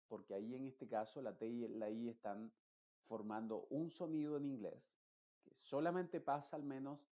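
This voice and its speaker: A man whose first language is Spanish teaches English pronunciation to a viewer, explaining patiently and slowly repeating example words. His voice is dark and mellow, at a middle pitch for a man. The recording sounds somewhat dull and lo-fi.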